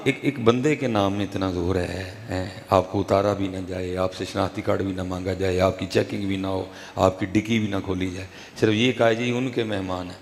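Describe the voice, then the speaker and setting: A man delivering a sermon at a religious gathering, moving between slow chanted recitation and casual, conversational explanation. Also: low voice, fairly even intonation, gravelly. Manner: conversational, repeats "ٹھیک ہے جی". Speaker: religious speaker. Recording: echoey hall, faint background noise.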